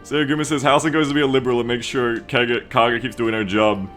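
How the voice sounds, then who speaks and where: A game streamer chats casually and jokingly about a game, swearing freely, with music playing behind his voice. He talks fast in a medium-pitched, fairly bright voice with fairly even intonation.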